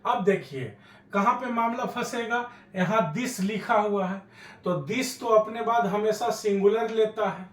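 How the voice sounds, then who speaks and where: Male English tutor explaining grammar, unhurried delivery, spells words out, roomy sound. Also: high voice. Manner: slow, deliberate, spells out words letter by letter. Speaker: English teacher.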